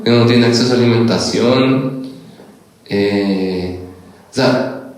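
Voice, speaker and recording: A man's voice: mid-range voice, slow, darkish tone. A man giving a searching, hesitant answer in an interview. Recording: echoey hall.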